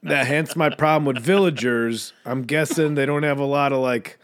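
A man's voice: mid-range voice, moderate pace. Sarcastic joking man podcaster. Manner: sarcastic, profane, joking banter. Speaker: podcast co-host. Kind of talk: casual chat.

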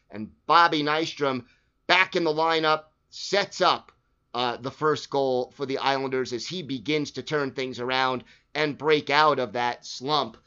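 A man's voice: a little high, pushed and bright, smooth. Man recapping old games, lo-fi sound. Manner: conversational, stat-listing, with frequent fillers. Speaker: sports history host. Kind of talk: casual narrated game recap. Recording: dull lo-fi recording.

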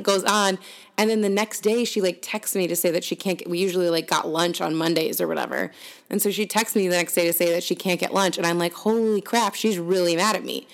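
A young woman telling a story in casual chat, chatty and full of "like". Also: lowish voice. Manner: chatty storytelling, heavy use of "like".

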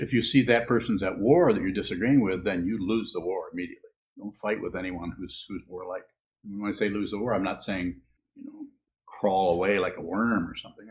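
A man giving a rambling, gently humorous Buddhist talk and answering questions from the room. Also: on the low side, low-quality recording. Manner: rambling, restarts, gentle chuckles. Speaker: Buddhist teacher.

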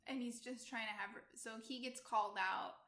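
A woman's voice: a little high, fairly quick, gravelly, fairly bright tone. A woman co-hosting a casual chat, throwing in short teasing remarks and comebacks. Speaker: podcast co-host. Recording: roomy echo.

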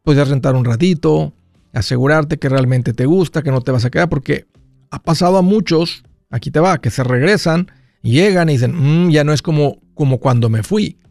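A man's voice: on the high side, creaky, darkish tone, no echo. A man hosting a call-in advice show, talking conversationally and explaining by rephrasing and repeating his points. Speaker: call-in show host and financial adviser.

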